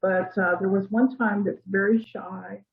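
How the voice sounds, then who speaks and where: A woman from Arkansas telling stories from her life in an interview, in a thoughtful, unhurried way. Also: mid-range voice, steady tone, gravelly. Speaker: interviewee, church member. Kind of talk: casual storytelling interview. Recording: tinny phone-like line.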